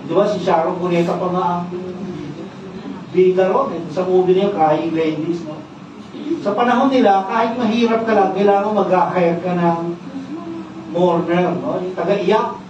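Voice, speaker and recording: A man's voice: high voice, moderate pace, pauses often. A man with a Filipino accent preaching a sermon, teaching with frequent "no?" tag questions and English terms mixed into his speech. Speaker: pastor. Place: church worship service. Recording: echoey church hall, distant mic, dull sound, faint noise.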